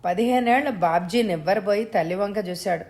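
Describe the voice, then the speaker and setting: Female storyteller, measured suspense-story narration, steady delivery. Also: medium pitch.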